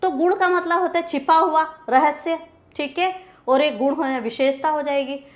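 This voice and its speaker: A woman's voice: sits high, normal speed. A woman teacher giving a grammar lecture, repeating key terms and answering her own questions.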